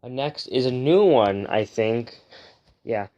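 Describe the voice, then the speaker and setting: A man's voice: medium pitch, animated, slow pace, mellow. A young man hosting a casual, rambling review, pronouncing his R's like W's and sometimes slipping on his L's. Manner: says w for r, sometimes slips on l. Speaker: host of a comic book review show.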